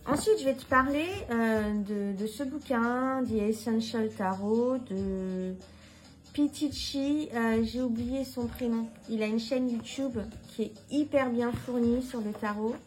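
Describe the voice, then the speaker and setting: Presenting books to her viewers, a woman tarot reader talks with a fairly high, darkish voice at a measured pace in a rough recording. The vlog chat is casual, frank, and informal, full of fillers, restarts, hesitation, and mild swearing.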